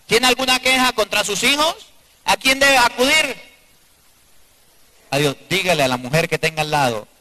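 Male priest, sermon to a live congregation; bright, forceful tone, drops to a hush between emphatic questions. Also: sits high, low-quality recording. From Venezuela. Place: church before a live congregation.

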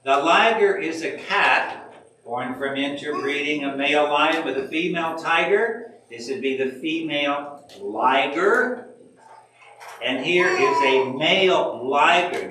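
Guy teaching a church bible class, slow and careful, bright voice a bit high, far off mic in a big echoey room. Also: a little hiss or hum. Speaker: Bible study leader.

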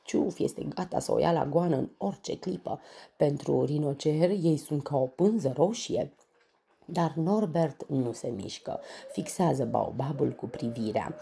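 A woman storyteller reading a children's bedtime story in an expressive, animated way. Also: sits low, gravelly, husky.

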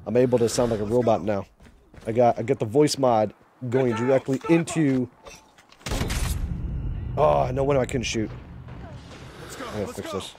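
A man live-streaming a mobile shooter, chatting casually and excitedly urging his viewers, often repeating himself. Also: mid-range voice, normal speed, long pauses, noisy background.

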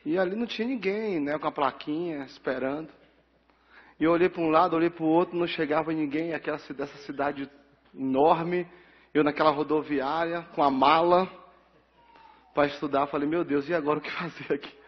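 A middle-aged man from Bahia with a Bahian accent, a pastor telling his life story in a ceremony speech and acting out the dialogue with lively energy. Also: a little high, a little fast, husky. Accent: Bahian Portuguese. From Bahia, Brazil. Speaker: pastor receiving an honorary title. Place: large council chamber. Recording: dull sound with long hall reverb.

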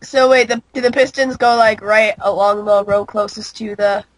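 A woman's voice: medium pitch, level tone, moderate pace, low-quality recording. A young woman chatting casually while gaming over a call, dropping wry jokes.

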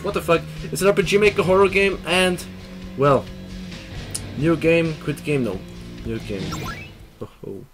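Gaming commentary comes from a young Austrian let's play host at his computer in a small room, speaking through a headset with music in the background. The man's voice is fairly high, and he's energetic and reactive, swearing and laughing fast and excitably reading out the game text.

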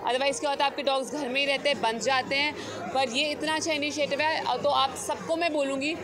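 A woman's voice: sits high, steady tone, brisk. A woman in her twenties representing a pet brand, giving an upbeat, inviting interview at an event booth. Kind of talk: promotional interview. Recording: music and crowd behind.

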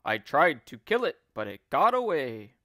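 A man playing a nasty old storybook husband, gruff and scornful, speaking slowly with big rises and falls in pitch. The recording is dry and close. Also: sing-song, fairly bright tone, no room sound, heavily acted. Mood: mock innocent.

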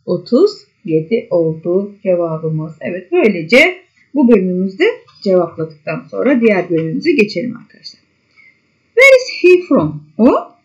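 A woman teacher talks slowly through a worksheet for children, and her voice swoops up high on each English word. She leads her pupils patiently from item to item. The sound is dull and lo-fi. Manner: reads English words with a high lift, then gives the Turkish meaning; leads pupils step by step, often checking back with them.

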